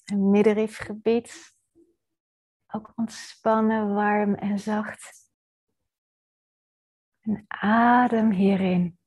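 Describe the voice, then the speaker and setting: In a mid-range, level tone, a woman leads a guided body-scan meditation as a teacher. She speaks soothingly and gently, pausing often, and her voice has a slightly husky, breathy quality.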